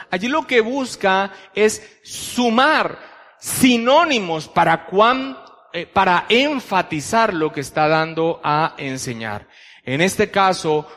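A man's voice: sits high, a bit bright. A man preaching a teaching sermon, methodically explaining Bible verses and asking many rhetorical questions. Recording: long hall reverb.

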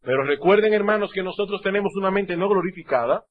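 A man preaching a sermon, swinging between shouts and low, quiet passages. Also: fast, narrow, tinny audio.

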